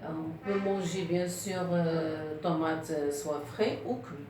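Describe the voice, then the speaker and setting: Woman teaching french sounds, super slow, repeats every syllable, echoey room. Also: sits low, steady tone, mellow, slight background noise. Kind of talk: phonetics lesson for beginners. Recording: very echoey room, distant mic.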